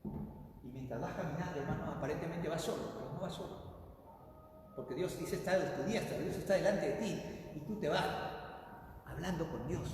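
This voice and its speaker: A man preaching a sermon as pastor, swinging between loud bursts and hushed drops, often calling out to his brothers in the congregation. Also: on the high side, normal speed, long pauses, a little hiss or hum. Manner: repeatedly addresses the congregation as brothers. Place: church sanctuary. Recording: very echoey hall with long reverb.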